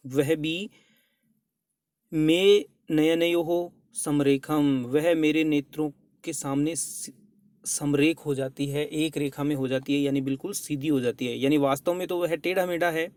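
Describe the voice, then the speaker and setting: A man, a college lecturer, explaining a classical play in a lecture, reciting verse lines slowly and then explaining them. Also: on the high side, steady tone, a little mellow.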